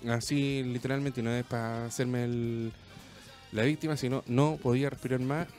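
A Chilean man telling a friend a story in a casual chat, full of slang, restarts and halting bursts. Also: medium pitch, steady tone, darkish tone, soft background music. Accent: Chilean Spanish.

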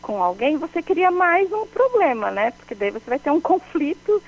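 Higher-voiced woman giving calm advice. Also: highs cut off. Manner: measured, often addressing the host by name with "né?". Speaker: guest expert on emotions.

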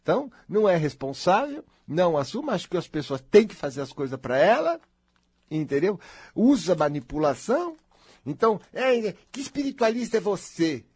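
A man's voice: on the high side, slightly rough, no room sound, studio quality. A Brazilian man lecturing an audience on spirituality, emphatic and repetitive, driving his points home. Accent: Brazilian Portuguese.

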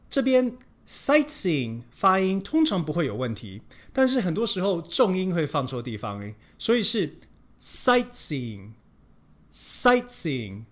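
An English pronunciation teacher giving a language lesson, explaining in Mandarin and modeling English words slowly and repeatedly. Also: mid-range voice, pushed and bright. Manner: switches between Mandarin explanation and English examples.

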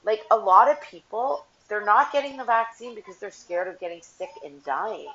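A woman's voice: mid-range voice, normal speed, a bit bright. A woman and mother ranting casually to camera, blunt and profane, rambling with lots of "like". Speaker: vlogger, mother. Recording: dull lo-fi audio.

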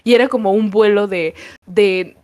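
A young woman co-hosting a casual podcast, telling stories in an animated way and laughing often. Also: medium pitch, normal speed. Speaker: podcast co-host.

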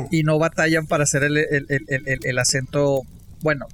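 A man with a Mexican accent, chatting casually as a podcast co-host, slangy and animated, laughing often. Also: fairly high pitch, moderate pace, a little hiss or hum. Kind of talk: casual chat.

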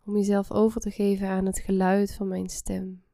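A woman guiding a relaxation meditation in a soft, soothing, breathy half-whisper. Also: mid-range voice, monotone, moderate pace, dry recording, studio quality. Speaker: guided meditation host.

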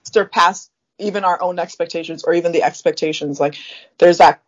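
Low-voiced young woman thinking aloud. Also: steady tone, fairly quick, highs cut off. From Africa. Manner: thoughtful, reflective, many fillers. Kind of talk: casual chat.

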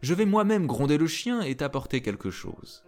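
A man reading a storybook, voicing a gentle, earnest young princess in a soft way. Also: medium pitch, very animated, slow, soft background music. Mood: calling.

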